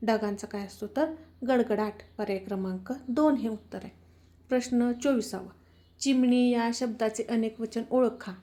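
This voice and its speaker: A woman's voice: on the high side, moderate pace, mellow. A woman teacher steadily reading quiz questions, options and answers for students.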